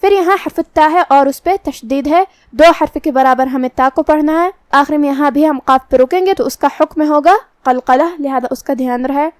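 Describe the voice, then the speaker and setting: A woman teaching Quran recitation rules step by step, in a calm and methodical manner. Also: sits high, no echo. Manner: calm, methodical, explains each letter slowly. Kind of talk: step-by-step tajweed lesson.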